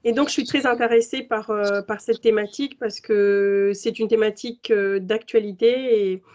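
A woman's voice: medium pitch, steady tone, moderate pace, a little mellow. Stammering woman in her forties. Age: 40s. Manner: stammers, repeats words. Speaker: webinar participant. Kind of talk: casual online meeting chat. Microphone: video call. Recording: dull lo-fi video call audio.

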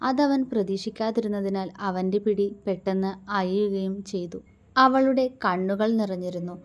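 A woman's voice: medium pitch, moderate pace. A woman steadily reading a romance story aloud as its narrator.

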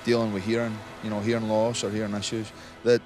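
Low-voiced man chatting outdoors. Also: fast. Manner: relaxed, rambling with many fillers. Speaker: interviewed singer. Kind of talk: casual interview. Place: outdoors at a festival.

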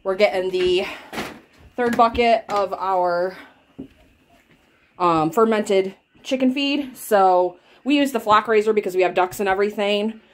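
A woman in her thirties, a homestead vlogger, chats through her farm chores step by step in a practical way while filming on a handheld phone around the barn and farmyard outdoors. Her voice is mid-range and measured in pace, with a faint hiss or hum in the audio.

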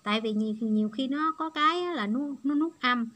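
A woman's voice: fairly high pitch, brisk, a bit bright. A woman giving a patient, step-by-step online language lesson. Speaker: Japanese language teacher.

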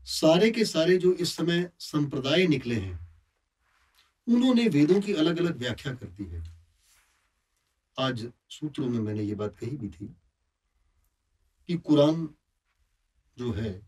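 Man, animated expounding, husky, distant mic. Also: medium pitch. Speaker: saint at a religious gathering. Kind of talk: discussion talk.

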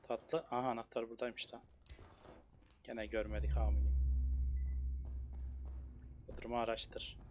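A man playing a video game on stream and talking as he goes, with quick exclamations and frequent swearing. His pitch sits in an ordinary middle range, and a faint hiss of noise runs under his voice. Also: muffled recording. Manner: excitable, swears often, talks to himself while playing. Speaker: gamer streamer. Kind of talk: casual let's-play commentary.

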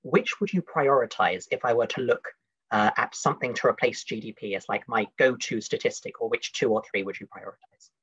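Young man, husky, hesitant, dry muffled video call line. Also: medium pitch, expressive, fairly quick, fairly bright tone, no room sound. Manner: hesitant, many "like"s. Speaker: postdoc asking a question. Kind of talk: casual question.

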